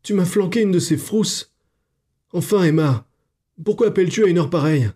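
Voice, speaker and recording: Man doing a scared old woman, shrill, jumpy, husky edge, storybook reading. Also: measured pace, a little mellow, natural voice. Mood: panicked. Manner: shrill, panicky outbursts. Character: frightened elderly woman, jumpy and sharp.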